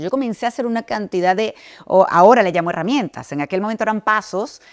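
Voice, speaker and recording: A woman's voice: fairly low pitch, no room sound. A middle-aged woman from Venezuela, a news anchor and author, telling her personal story as an interview guest in an earnest, reflective way. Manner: earnest, reflective, many restarts and quoted dialogue.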